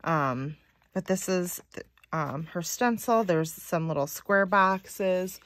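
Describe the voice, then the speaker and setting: Casual female haul vlogger, slightly low pitch, talkative with frequent filler words. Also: slow pace, a bit bright, no room sound. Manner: chatty, reads sticker phrases aloud, many likes and ums. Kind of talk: casual unboxing chat.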